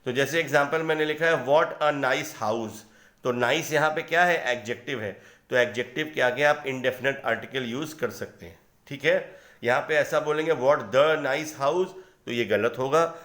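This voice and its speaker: A man's voice: mid-range voice, fairly bright tone. A man teaching English grammar from slides, explaining step by step, asking questions and answering them himself, with an Indian accent on the English example sentences. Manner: reads English example sentences slowly and deliberately. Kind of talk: slide-based grammar lesson.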